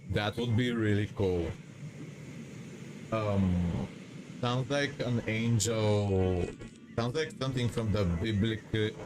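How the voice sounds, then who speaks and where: Slow, hesitant man. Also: lowish voice, noisy background. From Bulgaria. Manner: hesitant and rambling, reading chat aloud. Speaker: live streamer. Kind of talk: casual live-stream chat while gaming.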